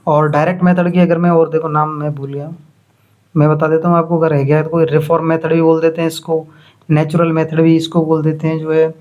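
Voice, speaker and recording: A man's voice: on the high side, darkish tone, dull audio. A man, lecturing to students and explaining points by repeating and contrasting them. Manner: explains by contrast and repetition, reads English terms slowly. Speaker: teacher. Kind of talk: classroom lecture.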